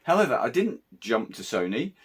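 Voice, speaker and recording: A man with a slightly croaky voice, a wedding photographer giving a casual, meandering camera review vlog. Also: medium pitch, big pitch swings, normal speed. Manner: conversational, meandering.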